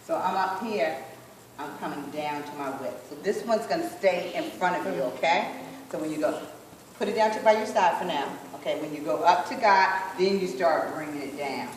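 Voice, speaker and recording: A woman instructor coaching a group rehearsal, encouraging them and slowly repeating phrases as she demonstrates. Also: deep voice, reverberant, recorded from a distance, a little hiss or hum. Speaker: sign language dance instructor.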